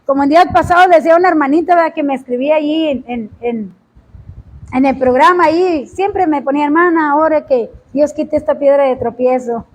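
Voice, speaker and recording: High-voiced woman preaching with passion. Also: brisk. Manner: impassioned, rising to shouts and drawing out words. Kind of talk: sermon.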